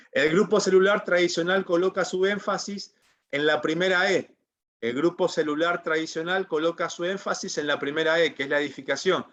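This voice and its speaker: A man lectures his Bible class over a video call, his voice sitting a little high for a man. He talks like a preacher and keeps checking that his students agree. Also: a bit bright. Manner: preacherly, asks the class for assent. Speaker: Bible institute teacher.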